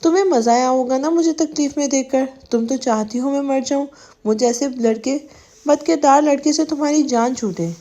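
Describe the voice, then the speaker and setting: A man's voice: very high voice, warm tone. A woman voicing a bitter, irritable young husband who is sick.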